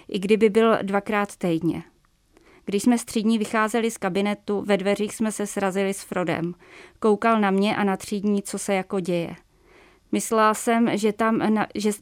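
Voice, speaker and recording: A woman's voice: medium pitch, no room sound, clean studio sound. Woman author reading her prose aloud. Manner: measured, even reading with small slips. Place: radio studio.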